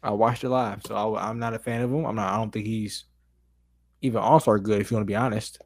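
Low-voiced man, loud opinionated sports ribbing. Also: fairly even intonation, fast. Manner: slangy, emphatic, repeats himself for emphasis. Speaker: sports talk panelist. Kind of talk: casual sports debate among friends.

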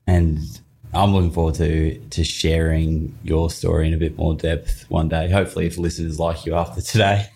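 Low-voiced man with a broad Australian accent. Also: little pitch movement, normal speed, gravelly, warm tone. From Australia, partly raised in the southern United States. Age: 30s. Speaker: podcast host telling his own story. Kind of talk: casual interview chat, anecdotes.

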